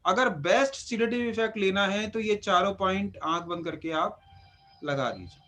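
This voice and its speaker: A man's voice: sits high, normal speed, sharp tone, soft background music. A man teaching an acupuncture class, instructive and repeating phrases for emphasis. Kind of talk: live class lecture.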